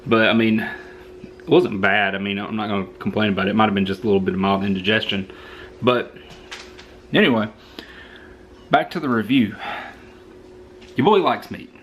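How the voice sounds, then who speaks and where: A man's voice: fairly low pitch, normal speed, pauses often, a bit bright, a little hiss or hum. A man with a Southern US accent, chatting through a rambling, joking food review at home, talking into a camera mic.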